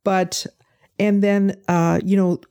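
An older woman, a pie sale volunteer, chats as a guest in a casual interview, telling stories and acting out what people said to her. Her mid-range voice is warm, clear and resonant, with a slow, flat delivery.

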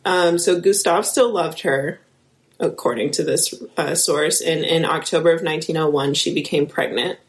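A woman's voice: sits low, moderate pace. Midwestern woman narrating a true-crime case. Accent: Midwestern American. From American Midwest. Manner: reads case notes with filler ums and asides. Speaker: podcast co-host, lead investigator.

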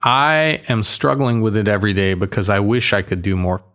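A man being interviewed, talking with open enthusiasm and going into long explanations. His voice is gravelly and fairly low, with a relaxed, conversational flow. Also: normal speed. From grew up in Boston and Yerevan. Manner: passionate, talkative, explains at length. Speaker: mayor, interview guest.

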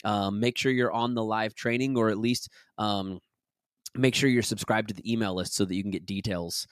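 A man hosting a podcast and coaching his listeners, chatty and upbeat, his voice raspy as he recovers from being sick. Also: on the low side, fairly even intonation, moderate pace, no echo, clean studio sound. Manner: upbeat and enthusiastic; chatty and rambling. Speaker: podcast host and business coach. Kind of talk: casual podcast talk and reading from his own book.

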